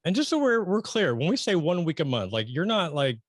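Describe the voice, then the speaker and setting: A middle-aged man hosting an interview, talking casually and rambling with many restarts and excited emphasis. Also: a little high, a little fast, no room sound, clean studio sound. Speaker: podcast host interviewing a guest.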